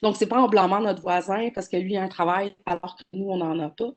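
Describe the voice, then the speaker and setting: A woman's voice: medium pitch, brisk. A woman, speaking as a panelist in a webinar over a video call, earnest and explanatory with frequent hesitations. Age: 40s.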